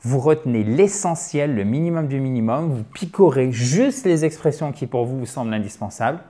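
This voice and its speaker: A man teaching a relaxed online lesson, checking in often with a quick "ok?" and repeating key words slowly for drill. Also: mid-range voice. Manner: frequent "ok?" check-ins. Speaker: English teacher.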